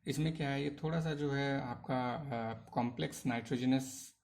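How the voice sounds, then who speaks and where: A man teaching a chemistry lesson in Hindi, mixing in English terms. He keeps asking the class questions, answers them himself, and fills pauses with hesitations. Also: mid-range voice, level tone, vocal fry, darkish tone, a little hiss or hum. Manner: asks questions then answers them, frequent "है ना" tags; hesitant fillers. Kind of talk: online chemistry lecture.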